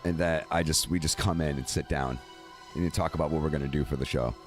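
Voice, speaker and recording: A man's voice: very deep voice, steady tone, fast talker, faint music behind. A man hosting a casual podcast, talking in a loose, profane way and repeating himself as he goes. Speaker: podcast host. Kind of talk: casual chat.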